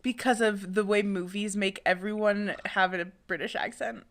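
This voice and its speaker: Chatty, excitable woman podcast co-host. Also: mid-range voice, normal speed. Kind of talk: casual chat.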